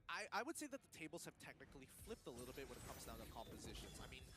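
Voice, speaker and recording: A man working as an esports caster, giving live play-by-play commentary with a dramatic, excitable delivery. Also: mid-range voice, rapid-fire, music in the background.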